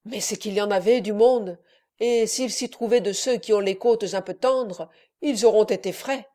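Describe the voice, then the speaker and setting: A woman reading a classic novel aloud as audiobook narrator, measured and expressive. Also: mid-range voice. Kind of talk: scripted literary narration.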